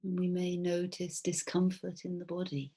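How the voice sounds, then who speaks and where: A mindfulness teacher leads a body scan meditation, her low-leaning, breathy voice soft and soothing. She speaks with a completely flat delivery and leaves long pauses.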